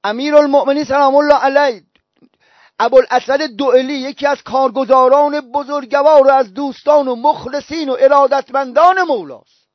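Man preaching a sermon, voice pitched really high, keeps repeating himself for emphasis, dry dull-sounding recording. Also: fairly even intonation, dry recording. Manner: storytelling with emphatic repetition.

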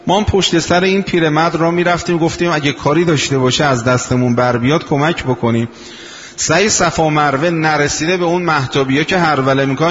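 An older male preacher in his sixties delivers a sermon, telling stories at an unhurried pace and slowing for quoted sayings. His voice sits a little higher than most men's. The recording is dull and lo-fi, with a long hall reverb around him. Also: fairly bright tone. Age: 60s.

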